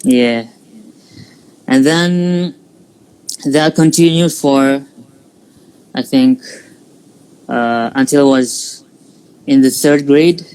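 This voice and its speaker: A man's voice: mid-range voice, darkish tone, clean tone, low-quality recording. A young man in his twenties from Indonesia, a student guest telling his story in a casual interview, with many fillers and restarts. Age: 20s. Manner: halting, frequent fillers and restarts. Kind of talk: casual interview over a live stream.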